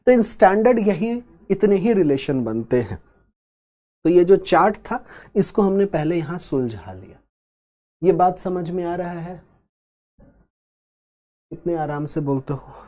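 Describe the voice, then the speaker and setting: A man teaching an exam-prep class, explaining step by step at a slow, deliberate pace and adding joking asides to his students. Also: sits high, lively intonation, dark tone.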